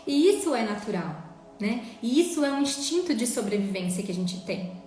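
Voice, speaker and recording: A woman's voice: fairly high pitch, very animated, normal speed, darkish tone. A woman teaching a live online parenting class in an earnest, emphatic way, often checking in with her listeners. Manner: earnest, emphatic, tags lines with "né?". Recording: very echoey room, faint music.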